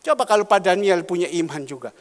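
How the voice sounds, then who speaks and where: A man preaching a sermon in a lively storytelling way, often acting out the voices of people in his stories. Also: high voice, quick pace. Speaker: pastor. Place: large church hall. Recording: long reverb of a church hall.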